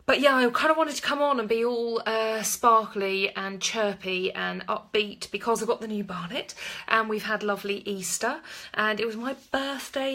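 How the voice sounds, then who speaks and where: British woman, casual live-stream chat, candid and sweary, bright clear voice, talking to camera. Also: medium pitch. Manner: candid, chatty, swears freely, many fillers. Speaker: birth practitioner hosting a live video.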